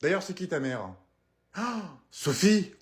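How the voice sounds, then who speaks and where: A man playing a rude, foul-mouthed male schoolteacher who talks slowly and mock-calmly. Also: high-pitched, pitched above the performer's own voice. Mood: snapping. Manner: slow, mock-calm, then snapping.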